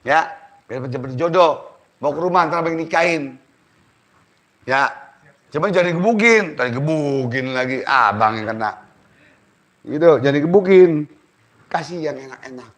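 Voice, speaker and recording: Male spiritual teacher, middle-aged, slightly high and very lively in pitch, emphatic live-stream preaching. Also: normal speed, pauses often. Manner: emphatic, animated, repeats phrases for stress.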